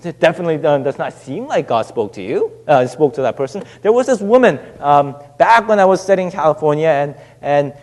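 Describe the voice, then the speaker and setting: A man's voice: a little high, sing-song, a little fast, few pauses, a little mellow. A young adult man preaching a sermon in a church. He talks in a loose, conversational way, with many restarts and fillers. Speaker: pastor. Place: church sanctuary. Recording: long church hall reverb.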